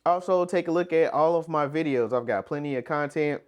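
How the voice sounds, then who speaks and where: A man's voice: fairly high pitch, a little fast, darkish tone. A man hosting a home cooking video, demonstrating a recipe with upbeat enthusiasm and plenty of repetition. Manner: upbeat, enthusiastic, repeats himself. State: talking with mouth full. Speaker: cooking channel host.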